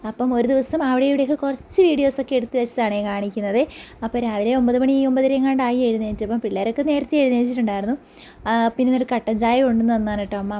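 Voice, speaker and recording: A woman's voice: on the high side, warm tone, a little hiss or hum. A woman vlogger narrating her day in a rambling, chatty voice-over, full of tag words.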